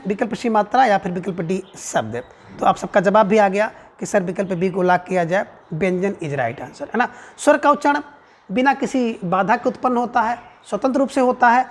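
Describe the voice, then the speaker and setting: Man teaching with constant check-in questions. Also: high voice. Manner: checks in with frequent tag questions; reads out each answer option in a measured, drawn-out way. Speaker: Hindi grammar teacher. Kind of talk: exam-prep quiz lesson.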